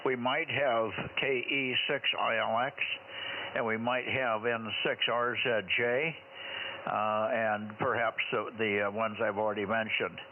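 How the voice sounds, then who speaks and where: A man's voice: on the low side, little pitch movement, unhurried, a little hiss or hum. Chatty male radio net controller, narrow band. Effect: ham radio transmission. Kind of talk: casual radio net chat with callsigns.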